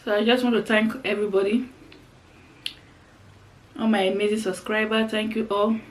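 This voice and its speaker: A woman's voice: medium pitch, level tone, moderate pace, low-quality recording. A middle-aged woman chatting casually to her viewers during a meal, often repeating phrases as she explains. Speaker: mukbang vlogger. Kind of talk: casual chat to viewers while eating. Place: indoors, seated on the floor.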